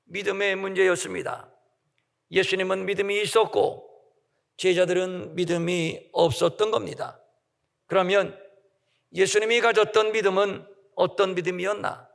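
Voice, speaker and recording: A man preaching a measured, emphatic sermon with dramatic pauses, as pastor in a large church sanctuary. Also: high voice, little pitch movement, gravelly. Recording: long hall reverb.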